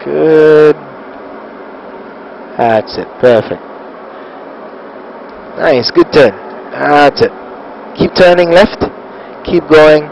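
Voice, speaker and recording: A man coaching live as a flight simulator instructor, giving short, calm, encouraging step-by-step instructions. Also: mid-range voice, vocal fry, muffled recording. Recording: steady cockpit-like background noise.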